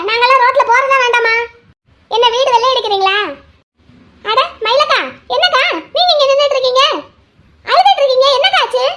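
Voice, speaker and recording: A voice actor playing a lively young woman in a cartoon, who is worried for her friend and keeps asking questions. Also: very high-pitched, a little hiss or hum. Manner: bright, concerned, questioning. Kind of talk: cartoon voice acting.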